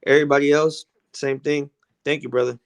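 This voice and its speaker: A man with a slightly raised pitch chats casually as a panel guest. His manner is agreeable and slangy, very much a frat bro. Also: level tone, a little fast. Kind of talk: casual chat.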